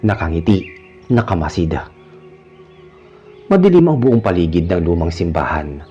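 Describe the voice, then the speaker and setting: Brief: male horror narrator, mellow low voice, lo-fi with faint music. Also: animated. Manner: measured storytelling. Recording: dull lo-fi recording with faint music.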